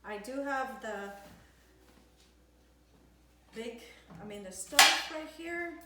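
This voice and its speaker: A woman's voice: on the high side, animated, takes it slowly, very noisy. Chatty woman in an echoey kitchen. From Ecuador. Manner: chatty, searches for words. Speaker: nutritionist. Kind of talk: cooking demonstration. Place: home kitchen. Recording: echoey kitchen with dish clatter.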